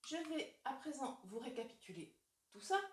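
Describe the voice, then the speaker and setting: A woman teaching a French literature lesson, explaining clearly and talking straight to the viewer with examples. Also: sits high, expressive, moderate pace. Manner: clear didactic, addresses the viewer directly with examples. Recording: roomy echo.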